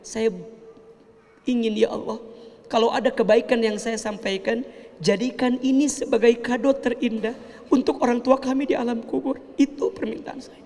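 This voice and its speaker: A male preacher giving an animated sermon to a women's study group, acting out the voices of worshippers and prayers. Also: very high-pitched. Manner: animated, acts out pleading congregants and loud crying prayers. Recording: long hall reverb.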